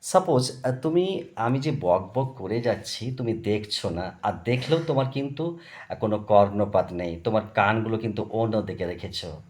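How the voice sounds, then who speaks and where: A man's voice: on the low side, lively intonation, normal speed, a little mellow. Chatty tutor in his fifties. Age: 50s. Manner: chatty, digressive, repeats terms for emphasis. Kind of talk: spoken English grammar lesson.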